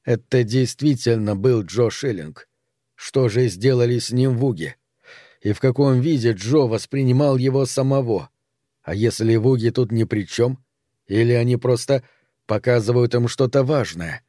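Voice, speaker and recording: Male audiobook narrator, measured telling, dark mellow tone, dry close sound. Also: mid-range voice, dry recording. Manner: measured storytelling.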